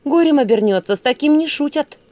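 A woman's voice: on the high side, very animated, moderate pace, pitched above the performer's own voice. Woman playing Vasilisa-type young wise woman from a folk tale, light and earnest. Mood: urgent. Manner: quiet, earnest.

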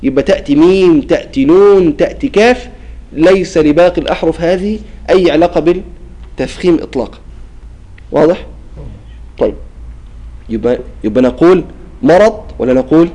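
A Quran recitation teacher gives a classroom lesson on tajweed in a mellow, fairly high voice, speaking fairly quickly with long pauses. He patiently explains each rule, demonstrates pronunciations, and often asks "clear?" to check the students follow. The recording is rough.

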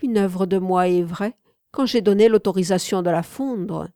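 A woman's voice: mid-range voice, moderate pace, warm tone, no echo, studio quality, close to an everyday voice. A woman voicing an aging, celebrated male sculptor who muses aloud with rhetorical questions, in an audiobook reading. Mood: musing.

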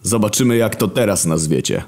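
Brief: a man playing a scheming creator god, slow and thunderous, storybook villain. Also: very animated, darkish tone. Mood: wrathful. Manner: slow, booming and solemn. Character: almighty male creator god, wrathful and scheming.

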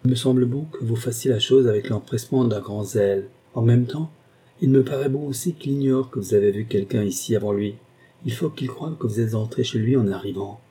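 A man reading an audiobook, voicing a scheming woman who gives hushed, calculating instructions. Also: medium pitch, fairly quick, slightly rough, natural voice.

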